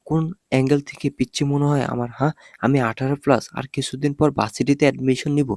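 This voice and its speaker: A man's voice: medium pitch, flat delivery, fast talker, vocal fry, a little mellow, dry recording, clean studio sound, close to an everyday voice. A man voicing a feisty eighteen-year-old girl who protests indignantly. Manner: indignant, whiny.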